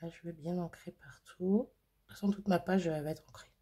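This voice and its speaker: A woman's voice: lowish voice, fairly quick, breathy edge. Woman chatting through a craft project. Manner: relaxed, thinking aloud with many fillers and small laughs. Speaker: craft video host. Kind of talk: casual crafting tutorial chat.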